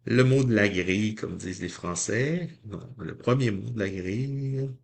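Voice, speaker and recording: A man's voice: fairly low pitch, a little slow, gravelly. A man with a Québécois French accent, chatting casually to viewers as he scratches lottery tickets and reads the letters out one by one.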